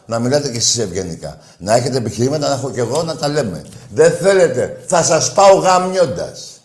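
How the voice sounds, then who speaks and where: A man hosting a call-in radio show, combative and insulting toward callers, swinging between loud outbursts and low muttering. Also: echoey room. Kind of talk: heated call-in show banter.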